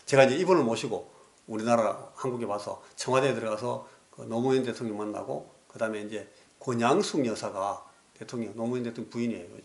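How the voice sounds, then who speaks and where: A male pastor delivering a sermon earnestly, dropping to soft pleading and rising in stories. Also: on the low side, creaky, reverberant. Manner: earnest preaching that drops to soft pleading, then rises in anecdotes. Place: church sanctuary.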